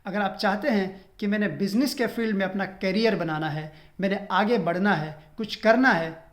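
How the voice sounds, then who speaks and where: A man's voice: high voice, moderate pace. A young man from Pakistan, vlogging and earnestly advising students, dropping English phrases into his talk. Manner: earnest advice, code-switching with English phrases. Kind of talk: casual informational vlog.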